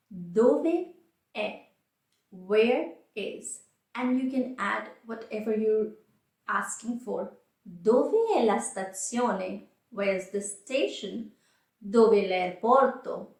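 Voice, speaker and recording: A woman teaching a beginner Italian lesson, saying each word slowly and carefully and repeating it. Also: fairly high pitch, roomy sound. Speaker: language teacher.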